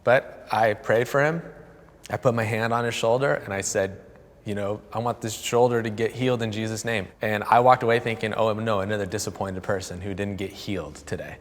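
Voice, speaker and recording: A man's voice: fairly low pitch, steady tone, brisk, big-room sound. A man in his forties, a pastor, speaking candidly in a panel discussion and telling stories with self-deprecating humour.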